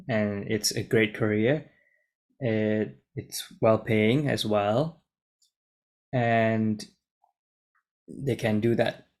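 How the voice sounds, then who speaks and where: A junior doctor in his twenties from Singapore, with a voice on the low side, speaks casually to camera from a script. He is hesitant and restarts many times, and he's recorded in his room through a laptop mic on a video call.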